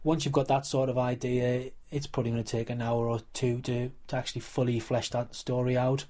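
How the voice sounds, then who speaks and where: A man's voice: medium pitch, little pitch movement, a little fast, dark tone. A man who works as a game organiser, explaining earnestly in a documentary interview. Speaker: live role-play coordinator and referee.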